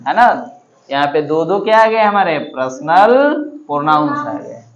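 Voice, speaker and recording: A man teaching English grammar to a class, repeating each phrase slowly and often checking that students understand. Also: fairly high pitch, big pitch swings, gravelly. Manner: slow, repetitive drilling, checking understanding. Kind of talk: classroom lesson. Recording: echoey classroom.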